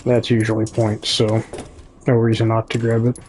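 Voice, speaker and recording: A man's voice: on the low side, completely flat delivery, normal speed, a little mellow, a little hiss or hum. A man with a Midwestern American accent giving casual gameplay commentary, chatty and talking straight to his viewers, often correcting himself mid-thought. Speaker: gaming YouTuber.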